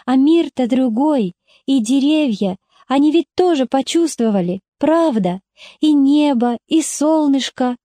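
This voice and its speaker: A woman reading aloud and voicing a gentle, tearful young woman who speaks in a soft, wondering way. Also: sits high, animated, measured pace, dry recording, voice pushed up.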